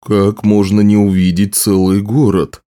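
A troubled middle-aged harbor master, voiced by a male reader. His voice is low and mellow, with an anxious, pleading edge. He sounds worried throughout. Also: little pitch movement, unhurried, natural voice. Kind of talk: audiobook role reading.

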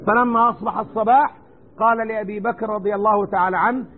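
A man's voice: sits high, steady tone, quick pace. A man teaching a religious lesson on Quran commentary, speaking earnestly and addressing his listeners directly. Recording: tinny narrow-band recording with faint noise.

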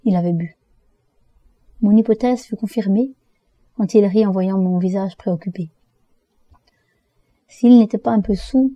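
Woman reading a story, dark mellow voice. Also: medium pitch, no echo. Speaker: audiobook reader. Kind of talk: first-person story narration.

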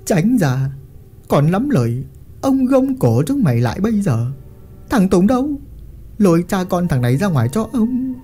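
A reader voicing a lecherous, bullying old male village official who mocks and threatens in a drawn-out way. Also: mid-range voice, huge pitch swings, dark tone, husky, faint music behind, voice pushed up, heavily acted. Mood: leering menace. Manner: mocking, leering, drawn-out menace.

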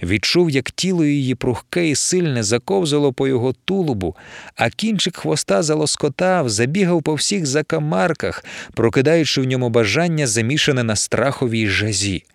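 A man reading a novel aloud as an audiobook narrator, expressive storytelling. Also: medium pitch, normal speed, vocal fry, no echo, clean studio sound. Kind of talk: scripted narration.

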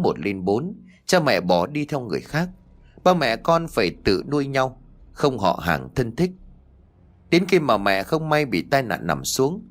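A man voicing an older male hired funeral mourner, talking in a reflective, confiding way. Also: mid-range voice.

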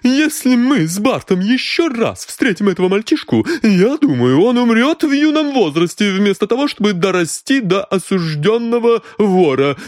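A fierce maid shrieking high and loud as she scolds, put on by a male narrator. Her voice jumps up sharply and stays loud, a little back from the mic. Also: very animated, normal speed, hardly any pauses, no echo, studio quality. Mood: furious. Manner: shrill, scolding.

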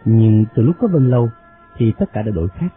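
A man reading a novel aloud in steady, measured narration. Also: on the low side. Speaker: audiobook narrator. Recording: phone-like sound, faint music.

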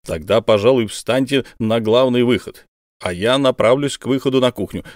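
A man's voice: mid-range voice, normal speed, a little mellow, no room sound, clean studio sound, close to an everyday voice. A man reading an audiobook, playing a stern, weary investigator who speaks firmly and commandingly. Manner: firm, commanding.

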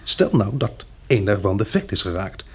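Fairly low-pitched and slightly rough, this male actor voices a calm, practical survivor in a radio drama. The tone is grave and reasoning: measured logic paired with the soothing manner of a tender protector.

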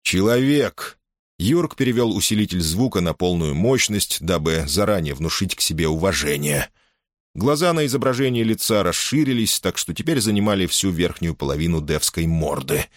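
Animated male audiobook narrator. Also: low-pitched, brisk, no room sound, clean studio sound. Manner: lively, theatrical reading with sharp rises for dialogue. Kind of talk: expressive sci-fi audiobook narration.

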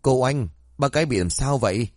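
A man's voice: medium pitch, animated, a little fast, no echo, clean studio sound, natural voice. A man voicing a middle-aged village neighbor in a spoken story, urgent and practical.

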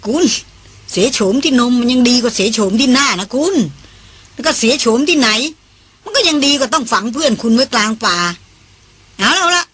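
A woman voicing a hard, blunt male jungle hunter in a Thai audiobook, talking gruffly and curtly. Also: extremely high pitch, lively intonation, fairly quick, sharp tone, heavily acted. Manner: gruff and curt.

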